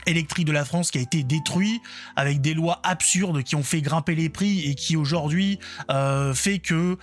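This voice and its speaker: A man's voice: a little high, normal speed, faint music behind. A man giving informal political reaction commentary online, colloquial and sarcastic, with a mocking way of talking.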